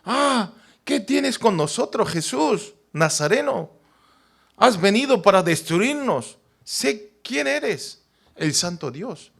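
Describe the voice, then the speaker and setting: Male pastor doing a frightened, defiant demon voice for a sermon retelling; high, stretched-out cries. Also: sing-song, slow, vocal fry, fairly bright tone, heavily acted. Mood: alarmed. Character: frightened, defiant unclean spirit shouting at Jesus.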